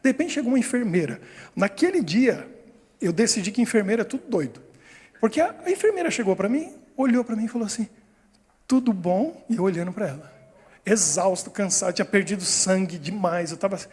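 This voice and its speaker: A man's voice: high-pitched, fast, slightly rough, long reverb tail. Brazilian man telling a story in a sermon. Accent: Brazilian Portuguese. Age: 50s. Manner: animated storyteller who acts out voices and laughs often. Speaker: pastor. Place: church hall.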